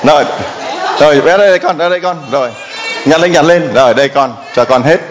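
Priest guy in church doing a playful homily w the kids, keeps asking them stuff, slightly high voice, bit of hiss. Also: quick pace, crowd noise. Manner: playful, asks questions and calls for answers. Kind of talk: homily with children and congregation.

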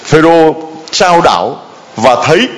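A man's voice: fairly high pitch, big pitch swings, slow pace, a little hiss or hum. A man preaching a sermon as a priest, telling the story dramatically and animatedly, with sound effects.

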